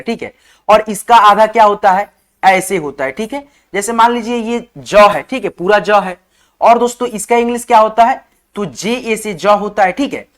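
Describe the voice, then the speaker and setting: A man teaching an online spelling lesson, slowly spelling words out letter by letter and often checking in with his viewers as friends. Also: high-pitched. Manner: often says "okay, friends". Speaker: English teacher.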